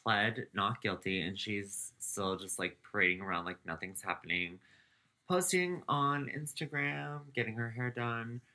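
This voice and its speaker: Slow, bright-voiced male podcast co-host. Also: lowish voice. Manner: laughs while telling, trails off with "um". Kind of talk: casual gossip chat.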